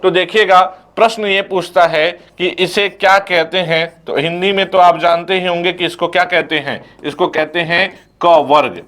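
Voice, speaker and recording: A man's voice: high voice, fairly even intonation, moderate pace, few pauses, fairly bright tone. A young man teaching an exam coaching lecture, who asks questions and answers them himself and recites letters one by one.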